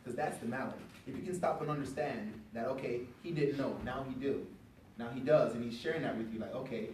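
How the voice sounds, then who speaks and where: A man's voice: medium pitch, fast talker, slight background noise. Male panelist, casual storyteller, distant mic in a reverberant hall. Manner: conversational, animated when quoting others. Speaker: veteran panelist. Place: event hall. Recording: echoey room from a distance.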